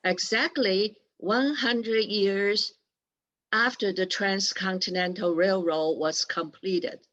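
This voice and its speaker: An older woman from China and Taiwan giving a formal keynote speech in a measured, deliberate way. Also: medium pitch, steady tone, fairly bright tone, muffled recording. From born in China, raised in Taiwan. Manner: slow, measured delivery. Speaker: keynote speaker.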